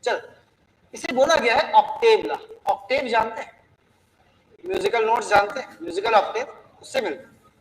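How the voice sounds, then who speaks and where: A man with a high voice teaches a chemistry lesson in a classroom that rings with long reverb. He keeps it playful and keeps asking his students questions. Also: lively intonation, moderate pace, pauses often, slight background noise. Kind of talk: classroom lecture.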